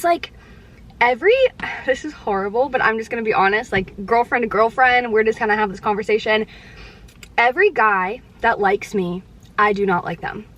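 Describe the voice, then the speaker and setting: A young woman with a slightly high voice talks candidly to her viewers, leaning on "like" as she goes. She is eating while she answers, now and then with her mouth full. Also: fairly bright tone, lo-fi sound. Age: young adult. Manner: chatty and candid, heavy use of "like". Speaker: vlogger answering viewer questions. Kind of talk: casual chat.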